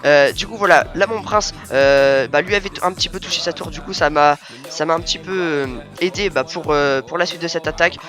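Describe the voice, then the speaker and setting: A man's voice: on the high side, brisk, bright, forceful tone, faint music behind. A man casually commenting over a video game as the host, often repeating himself and leaning on verbal tags.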